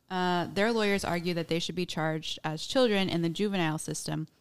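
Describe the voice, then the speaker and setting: A woman's voice: lowish voice, fairly even intonation, normal speed, clean tone. A woman hosting a podcast, chatting casually through a true crime story with lots of "like" and "um". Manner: chatty, many "like"s and "um"s, laughs easily. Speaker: podcast host. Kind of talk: casual chat, retelling a true crime case.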